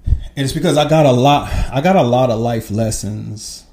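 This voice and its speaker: A man in his forties with a deep, very dark and mellow tone speaks in a relaxed, candid podcast conversation. His talk is loose and profane, broken up by easy laughs. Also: normal speed, slight background noise. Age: 40s. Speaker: podcast guest. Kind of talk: casual chat.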